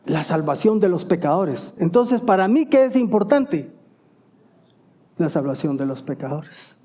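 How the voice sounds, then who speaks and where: A male pastor preaching a sermon, asking emphatic questions and answering them quietly, often adding "¿verdad?". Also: sits high, very animated, unhurried. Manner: stops to self-correct and ask "¿verdad?".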